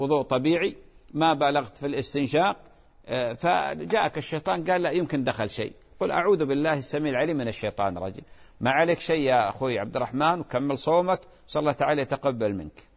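Fast-talking man answering questions. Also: mid-range voice, vocal fry, big-room sound. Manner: patient, reassuring, explanatory. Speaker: religious scholar answering callers' questions. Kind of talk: religious call-in Q&A.

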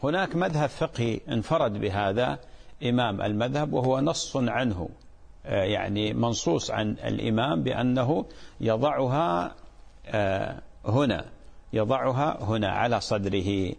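Gravelly-voiced man, a sheikh answering questions. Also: mid-range voice, normal speed, big-room sound. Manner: calm, explanatory, repeats points and asks "clear?". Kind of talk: religious Q&A call-in program.

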